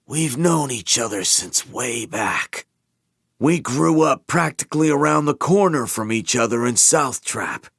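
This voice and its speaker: A badly wounded fighter who talks slowly and calmly, trying to reason his way out, played by a man reading an audiobook. His voice is strained with pain. It is recorded dry and close. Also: mid-range voice, breathy edge, no room sound, voice pushed up, exaggerated voice. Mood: strained pleading. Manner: calm, urgently reasonable.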